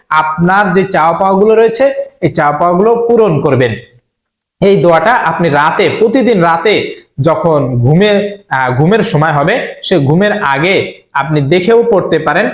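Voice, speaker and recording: Male preacher, slightly higher voice, direct and earnest delivery, echoey room. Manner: earnest, repetitive, addresses the listener directly; slow chanted Arabic recitation. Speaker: Islamic preacher. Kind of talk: religious instruction video.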